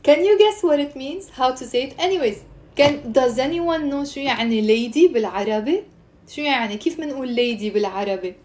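A woman in her thirties with a fairly high voice and a Lebanese accent. She teaches in an informal, animated way, encouraging her listeners and repeating words carefully, as if live to a phone in a room at home. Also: rapid-fire. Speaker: Arabic teacher and live stream host. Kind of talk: informal live language lesson, explaining and questioning viewers. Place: small indoor room at home. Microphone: phone at arm's length.

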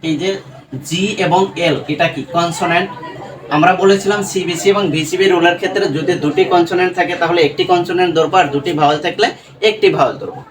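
A man teaching English pronunciation, patiently breaking words apart slowly and asking his students questions. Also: sits high, steady tone, background noise. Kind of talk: classroom lesson explaining English pronunciation. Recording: echoey room, voice from far off.

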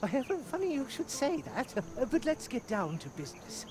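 A man's voice: extremely high pitch, big pitch swings, normal speed, background noise. An actor voicing a theatrical aging mouse merchant in a video game, a chatty doting father who hams up his stammering sales patter like a stage actor. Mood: showy, salesmanlike. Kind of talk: video game character acting. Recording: music behind the voice.

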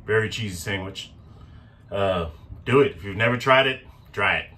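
A man with a fairly low voice talks casually through his cooking vlog, upbeat and fond of repeating words for emphasis. He is recorded at an outdoor grill. Food sizzles clearly behind him. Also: moderate pace, pushed and bright, slight background noise. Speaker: cooking channel host.

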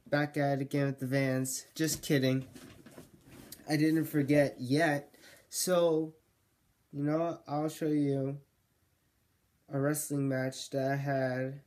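Male vlogger, slow and unhurried, rambling and self-correcting, voice wearing thin. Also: medium pitch, darkish tone. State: losing his voice. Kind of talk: casual vlog monologue.

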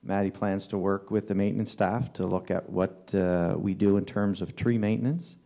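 A man delivering a town councillor's report at a council meeting, halting often with fillers and restarts. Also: sits low, level tone, creaky, dark tone. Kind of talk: formal council report with ad-libbed remarks. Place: council chamber.

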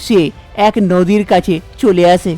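A woman's voice: on the low side, steady tone, measured pace, warm tone, faint music behind. A woman narrating a cartoon story in a plain storytelling way.

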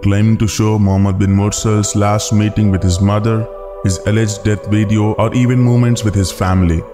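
A man giving scripted documentary narration as a channel narrator, in a solemn, measured and earnest way. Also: lowish voice. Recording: long reverb with background music.

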